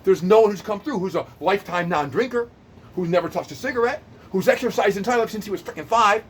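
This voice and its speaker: A man's voice: sits high, lively intonation, fast, a little hiss or hum. A man in his late fifties, a personal trainer, delivering an improvised, intense and direct monologue to camera with a boastful edge. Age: 50s. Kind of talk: improvised high-energy monologue.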